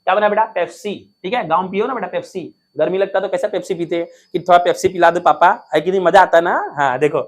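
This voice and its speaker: A man's voice: high-pitched, fast, hardly any pauses. A man teaching a lesson in a playful, coaxing way, asking questions and answering them himself. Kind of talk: classroom lesson, coaxing students.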